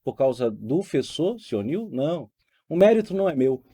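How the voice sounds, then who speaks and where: A Brazilian man who teaches law to exam candidates gives an emphatic motivational talk in Brazilian Portuguese, with personal stories and repeated phrases. His fairly high voice swings widely in pitch at a moderate pace, warm in tone and slightly rough.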